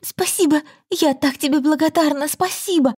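A high, piercing voice of a jealous wife who shrieks and accuses, as a woman narrator puts her on. The sound is dry and close, with no room around it. She flies up into the top of her range with every insult. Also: normal speed, darkish tone, no echo, close to an everyday voice. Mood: tearful. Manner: shrill, accusing, hysterical. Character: shrill jealous wife, middle-aged woman, screaming.

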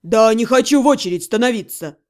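A woman voicing a furious, capricious male high demon who bellows and shouts at people. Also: lively intonation, fairly quick, close to an everyday voice. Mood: menacing.

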